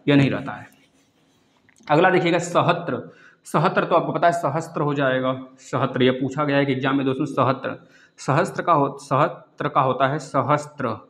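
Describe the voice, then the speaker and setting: A man's voice: medium pitch, a bit bright, reverberant. A man giving an exam-prep grammar lesson, repeating each word and asking the viewers questions. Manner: repeats words, quizzes viewers, calls them friends. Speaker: Hindi grammar teacher.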